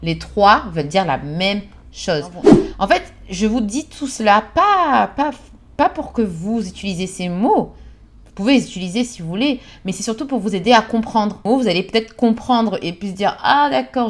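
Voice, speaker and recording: A woman's voice: medium pitch, normal speed. Chatty woman explaining English slang. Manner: chatty, animated, acts out short English examples and laughs at herself. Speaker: vlogger teaching British English expressions. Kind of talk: casual explanatory vlog.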